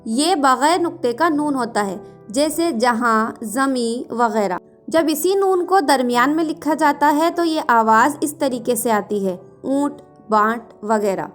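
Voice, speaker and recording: A woman's voice: high voice, expressive, faint music behind. A woman teaching an exam revision lesson. She names each term, then reads out its definition and examples.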